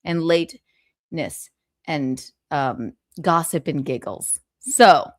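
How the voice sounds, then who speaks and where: A woman's voice: low-pitched, slow pace, no room sound, studio quality. A woman hosting a casual gossip livestream, chatting in a sassy, theatrical, giggly way. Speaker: live stream host.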